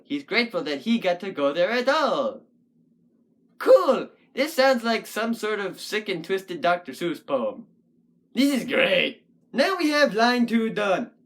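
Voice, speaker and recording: A performer voicing a shaggy, goofy talking wolf puppet who hosts the show, rambling and thinking out loud in a casual puppet vlog. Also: medium pitch.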